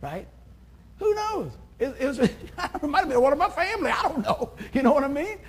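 A middle-aged man, a pastor, preaching a sermon in a chatty, animated way, acting out quotes and laughing at himself. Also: extremely high pitch, brisk.

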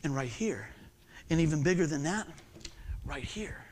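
A man in his fifties preaching a sermon as pastor, swinging from hushed, earnest lines to excited shouts. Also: on the high side, unhurried, slight background noise. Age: 50s.

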